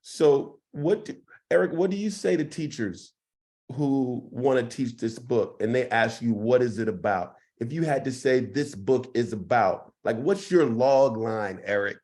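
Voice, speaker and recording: A man with a hoarse, partly lost voice, hosting a casual interview in an encouraging, appreciative way. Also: medium pitch, measured pace, darkish tone. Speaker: host.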